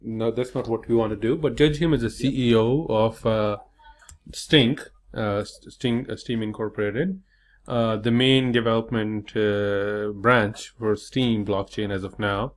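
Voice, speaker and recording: A man's voice: lowish voice, steady tone, a little slow. A man hosting a casual online interview, frank and hesitant with many fillers. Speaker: interview host.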